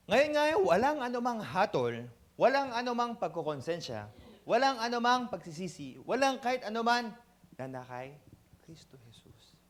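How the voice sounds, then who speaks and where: A pastor delivers an animated sermon in a high, swooping voice. He jumps between two languages and acts out small scenes, asking the room for an "Amen" along the way. It sounds like a church service. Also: moderate pace. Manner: animated preaching, switching between two languages, acting out dialogues; asks the congregation "Amen?".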